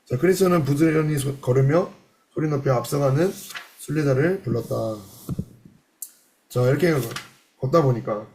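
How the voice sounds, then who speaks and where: A man's voice: fairly high pitch, normal speed, long pauses, darkish tone. A male pastor preaching a sermon, reading passages aloud and explaining them with rhetorical questions in a church. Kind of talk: sermon on a devotional classic.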